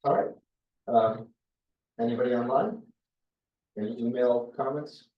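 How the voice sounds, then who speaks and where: A man chairing a public meeting who moves through procedural steps briskly, with some hesitant stumbles. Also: medium pitch, fairly even intonation. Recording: roomy, distant, dull room mic.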